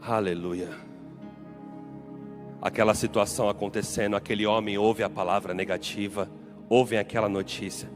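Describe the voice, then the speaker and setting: A man's voice: lowish voice, fairly even intonation, moderate pace, pauses often, music in the background. A man with a Brazilian Portuguese accent, a pastor delivering a sermon in an emphatic, repetitive preaching style.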